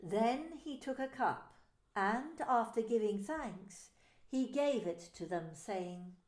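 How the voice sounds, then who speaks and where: A woman narrating a dramatised Bible story in scripted, expressive storytelling. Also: on the high side, takes it slowly. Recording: echoey room with faint music.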